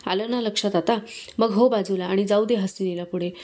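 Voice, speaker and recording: A woman voicing a proud, elderly male priestly scholar who scolds loudly, in a storybook reading. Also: medium pitch, fairly even intonation, a little fast, lightly acted. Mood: scolding. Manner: loud and scolding.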